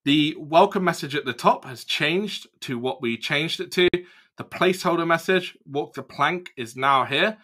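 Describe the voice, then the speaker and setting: A young man casually walking through a software demo, explaining each step as he clicks. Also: a little high, moderate pace. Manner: casual, explanatory, thinks aloud while clicking. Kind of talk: screen-recorded product walkthrough.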